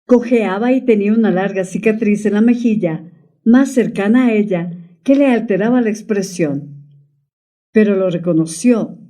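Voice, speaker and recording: A woman narrating a dramatic audiobook story in a measured reading. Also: mid-range voice, dark tone, recorded from a distance.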